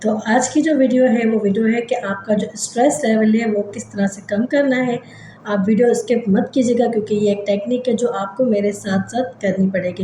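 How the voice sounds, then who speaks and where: A woman hosting a psychology channel, gently leading listeners through a body scan meditation with slow, repetitive step-by-step guidance. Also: medium pitch, heavy reverb, a little hiss or hum, poor audio.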